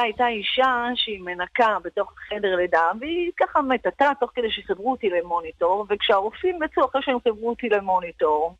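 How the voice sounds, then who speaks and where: Woman guest, emotional testimony, animated and repetitive, dull dry radio audio. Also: medium pitch, no echo. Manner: animated, repeats words for emphasis.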